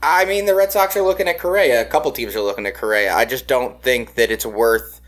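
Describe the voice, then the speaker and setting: A man in casual sports banter, blunt and opinionated, cursing freely. His voice sits in an ordinary middle pitch for a man. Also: a little fast, fairly bright tone. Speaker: podcast co-host.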